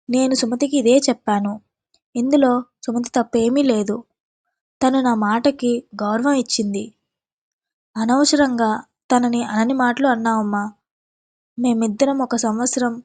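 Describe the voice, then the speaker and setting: A woman's voice: fairly high pitch, no room sound. A woman voicing a caring young husband who stands up for his wife, reading his lines in her own voice. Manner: pleading, then scolding loudly.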